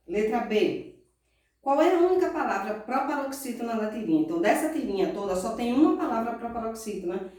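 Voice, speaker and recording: A Brazilian woman teacher slowly correcting workbook exercises, patiently spelling out syllables and checking in with her pupils. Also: mid-range voice, a little mellow. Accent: Brazilian Portuguese. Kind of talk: recorded remote lesson correcting workbook exercises. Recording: very echoey room, voice from far off.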